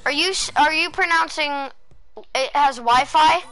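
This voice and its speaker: High, bright-voiced young woman streamer. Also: moderate pace, faint music behind. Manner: bossy, teasing and exasperated, with frequent "dude" and "literally". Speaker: gaming streamer. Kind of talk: casual gameplay chat with a friend. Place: dark room at home.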